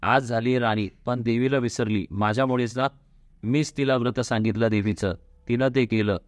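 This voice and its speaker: A man's voice: mid-range voice, fairly even intonation, moderate pace, dry recording, studio quality, natural voice. A man doing a stern old beggar woman. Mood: indignant. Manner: stern, reproachful storytelling voice. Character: poor old beggar woman, a goddess in disguise, proud and stern.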